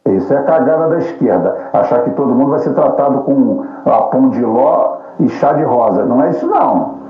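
A man's voice: medium pitch, lively intonation, brisk. A man giving a casual political monologue, ironic, combative and full of profanity. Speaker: political commentator. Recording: roomy, dull lo-fi, faint music.

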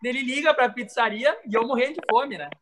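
A man with a notably high voice tells animated stories and keeps repeating phrases for punch. The recording carries a clear layer of noise behind him. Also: a little fast. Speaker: guest telling anecdotes. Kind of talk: casual storytelling.

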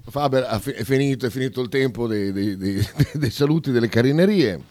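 A man's voice: mid-range voice, brisk, a little mellow. A man hosting a live show in casual banter, talking emphatically and repeating his words. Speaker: radio show host.

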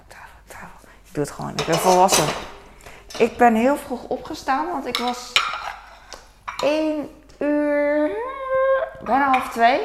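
A woman in her thirties talks casually in a home vlog, rambling from one memory to the next with plenty of fillers. Her mid-pitched voice has a gravelly, fry-tinged edge. A faint hiss sits behind her. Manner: rambling, chatty, many fillers. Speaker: vlogger. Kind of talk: casual chore vlog chat. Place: at home, in the kitchen.

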